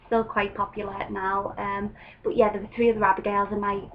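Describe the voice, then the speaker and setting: A woman's voice: mid-range voice, little pitch movement, fairly quick, lo-fi sound. A young woman from England chatting casually on a home video, with frequent ums. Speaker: vlogger. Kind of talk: casual chat. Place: room at home with open window. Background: faint ambient noise through the window.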